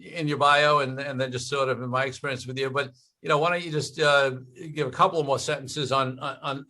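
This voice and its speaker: A man hosting a business podcast, his voice sitting at an ordinary pitch. He asks long, meandering questions and pads them with fillers. His delivery stays easy and conversational. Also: sharp tone. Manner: rambling questions with many fillers. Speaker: podcast host.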